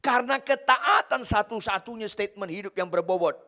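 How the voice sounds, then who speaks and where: Emphatic high-voiced male preacher. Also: expressive, brisk. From Indonesia. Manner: emphatic preaching, repeating key phrases, swinging between loud and soft. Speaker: pastor. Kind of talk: sermon.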